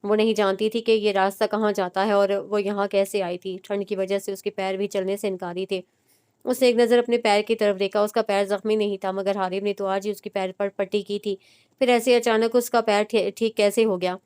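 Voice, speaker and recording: A woman narrating a romance novel with a steady, measured reading. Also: medium pitch, clear, resonant tone.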